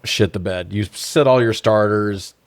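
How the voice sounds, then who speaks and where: A man co-hosts a podcast, chatting casually about films in a blunt, profane way with plenty of swearing. His voice is fairly low and unhurried, with no echo.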